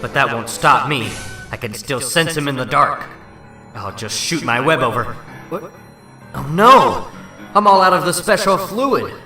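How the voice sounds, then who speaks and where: A man's voice: mid-range voice, normal speed. A man voicing a determined, wisecracking superhero who thinks aloud in a dramatic comic-book reading. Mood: focused, then alarmed. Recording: roomy, distant mic, loud music underneath.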